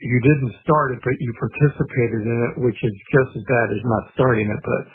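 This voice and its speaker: A man speaking as a father on a prison phone line with his son, in a halting, measured way. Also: mid-range voice, a little hiss or hum. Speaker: father of the inmate. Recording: tinny prison phone call.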